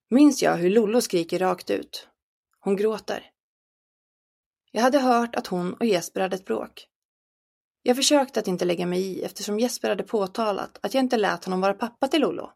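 A woman with a Swedish accent reading her personal story aloud, in an earnest, measured first-person telling. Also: mid-range voice, gravelly, a little mellow. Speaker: narrator.

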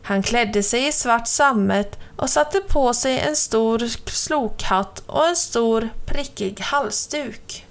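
A woman reading children's stories aloud in a gentle, lilting storytelling manner. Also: on the high side.

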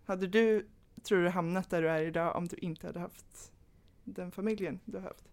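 A young woman co-hosting a podcast, asking questions thoughtfully and slowing down as she searches for words. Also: on the low side, steady tone, darkish tone. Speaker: podcast host. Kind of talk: casual chat.

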